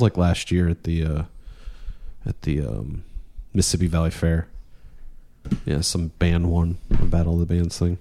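Low-voiced laconic man. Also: mellow. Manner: laconic, dry short answers. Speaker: podcast producer and guest. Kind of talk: casual podcast chat.

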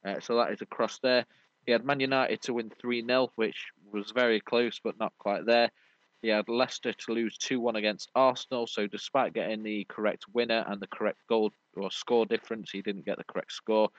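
Chatting casually about sport, a British man hosts a podcast in a lowish voice with fairly even intonation at a moderate pace. His explanations are matey and rambling, and the recording is dry, dull and lo-fi.

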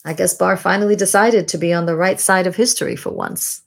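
A woman with a somewhat low voice speaks as a podcast host. She delivers a scripted monologue in a measured, deliberate manner, leaving reflective pauses between phrases. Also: gravelly, breathy edge. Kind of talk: scripted narration, year-in-review monologue.

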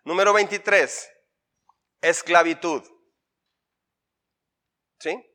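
Bright-voiced pastor drilling his congregation. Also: sits high, very slow. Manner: playful, drills the audience with repeated lists and questions. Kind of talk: interactive Bible workshop with the congregation. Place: church before a congregation.

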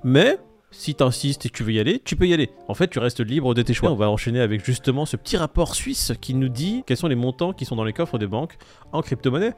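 A man's voice: mid-range voice, fast. French man hosting casual crypto chat. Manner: jokey, relaxed, leads the rundown. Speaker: host. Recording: faint music behind.

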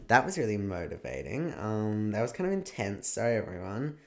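A man's voice: on the low side, big pitch swings, fairly quick, a bit bright. A man hosting his own podcast, talking casually and bluntly in a motivational pep talk and swearing freely. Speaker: podcast host. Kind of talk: casual solo podcast monologue.

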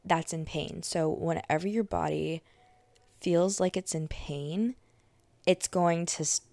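Young woman host, low and gravelly, chatty self-correcting delivery, dry close recording. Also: fairly even intonation, slow pace, a little mellow, no echo. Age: young adult. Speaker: podcast host. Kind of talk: casual monologue.

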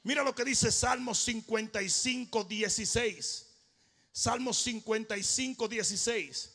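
A man preaching a fervent sermon as pastor, often shouting and half-singing his lines. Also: high voice, a little slow. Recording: long hall reverb.

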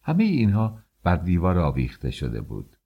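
A man reading an audiobook as its narrator, in a measured, expressive storytelling manner. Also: low voice, breathy edge, lo-fi sound. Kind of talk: scripted narration.

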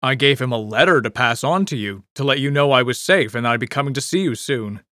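A man's voice: medium pitch, expressive, brisk, sharp tone, no room sound, clean studio sound. A man voicing a secretive, defensive middle-aged man, answering in short, evasive replies. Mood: guarded. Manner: terse, evasive.

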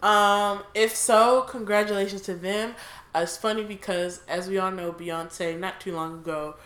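A woman's voice: medium pitch, steady tone, moderate pace, a bit bright. A young woman with a slight lisp, co-hosting a casual celebrity gossip chat, talking loosely with fillers and frequent laughs. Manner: chatty, laughs often, loose filler-heavy delivery. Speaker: podcast co-host. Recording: roomy echoey room.

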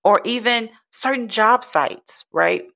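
A woman's voice: fairly high pitch, slow pace, creaky, fairly bright tone. A young adult woman venting in a casual monologue, blunt and frustrated, swearing freely. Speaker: vlogger.

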